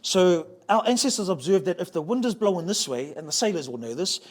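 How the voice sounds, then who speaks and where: A man with a high, animated voice gives a playful public talk at a museum on ocean voyaging heritage. Joking with the live audience, he slowly spells out how words are pronounced and gets the crowd to repeat them.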